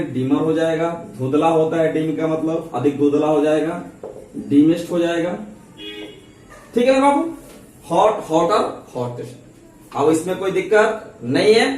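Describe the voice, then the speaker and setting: A man's voice: fairly high pitch, a little mellow, a little hiss or hum. A man with a Hindi accent teaching English grammar in a classroom style, asking questions and answering them himself, calling listeners babu and chhotu. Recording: very echoey room, mic at a distance.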